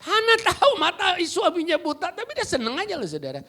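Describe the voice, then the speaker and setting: A male pastor preaching with a high, bright voice that leaps up and down in pitch. He swings from loud, punchy exclamations to quiet asides and acts out little quotes along the way. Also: wildly swooping pitch, brisk. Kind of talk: lively sermon. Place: church service.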